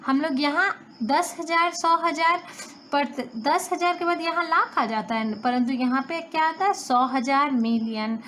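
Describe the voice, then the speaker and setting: Young woman from india teaching math, kinda high voice, asks stuff and answers it herself, slight noise. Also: measured pace, sharp tone. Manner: patient, stepwise counting through place values, asks and answers own questions. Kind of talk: classroom math lesson. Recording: faint background noise.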